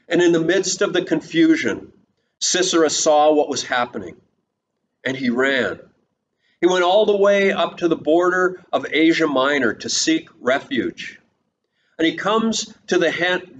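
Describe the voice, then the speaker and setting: Man telling a sermon story, dull recording. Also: a little high. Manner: retells the story and quotes its people in lively snatches of voice. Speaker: pastor. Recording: slightly dull recording with faint hiss.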